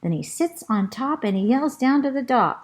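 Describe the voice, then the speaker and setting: A woman reading a children's storybook aloud as a chatty, fussy pet parrot who narrates the tale, in a slow, sing-song rhyming manner. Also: high-pitched, expressive, pitched above the performer's own voice. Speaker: storybook reader.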